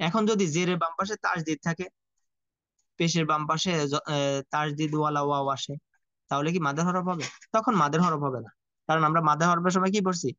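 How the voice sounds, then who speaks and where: A fairly high-voiced man leads a Quran reading lesson. He drills each Arabic letter and vowel sign in slow, chanted repetition. The recording is dry and dull, with no room sound. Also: fairly even intonation, sharp tone, no room sound. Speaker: Quran recitation teacher.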